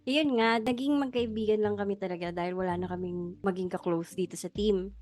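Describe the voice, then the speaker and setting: A woman's voice: mid-range voice, fairly even intonation, fairly quick, a little mellow. A woman co-hosting a casual podcast chat, telling a workplace story and laughing often as she goes. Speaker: podcast co-host.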